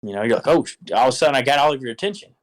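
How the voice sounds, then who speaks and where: A man's voice: medium pitch, animated, very fast, poor audio. A man casually explaining how to run a tabletop game, rambling with lots of fillers and restarts. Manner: rambling, filler-heavy, enthusiastic. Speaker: game master giving advice. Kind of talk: casual instructional talk.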